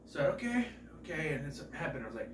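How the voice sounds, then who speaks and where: Talking very fast with big swings in pitch, this slightly high-voiced man in his thirties reviews a movie in a rambling, joking way, constantly adding asides and correcting himself. A cold leaves him stuffed up and nasal. The audio is echoey, distant-miked and noisy.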